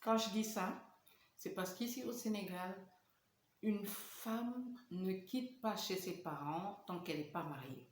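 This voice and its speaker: A woman's voice: mid-range voice, unhurried. A woman in her thirties from Senegal, chatting casually in a mukbang vlog and talking between bites. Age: 30s. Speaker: vlogger. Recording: echoey room with faint hiss.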